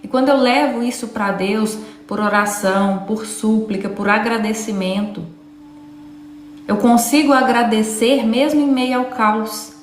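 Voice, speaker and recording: A woman's voice: on the high side, measured pace, roomy sound, a little hiss or hum. A woman giving an earnest, conversational devotional talk and speaking directly to her listeners. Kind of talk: devotional teaching.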